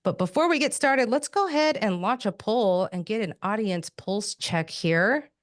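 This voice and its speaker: A woman's voice: medium pitch, animated, moderate pace. A woman hosting a business webinar, upbeat and playful, joking with her guests. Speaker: webinar host.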